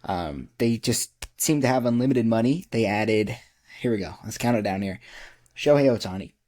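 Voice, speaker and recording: A man's voice: lowish voice, animated, normal speed, a little mellow. A man hosting a casual baseball podcast, joking as he rattles off player names. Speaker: podcast host. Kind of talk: casual sports podcast chat.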